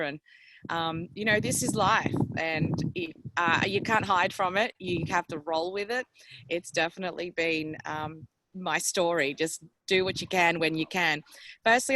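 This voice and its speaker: A woman's voice: on the low side, pushed and bright, dry recording. A woman in her forties from El Salvador, telling her personal story in a candid, chatty, self-deprecating way over a headset from a public venue. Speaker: guest speaker. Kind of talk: personal story on a video call.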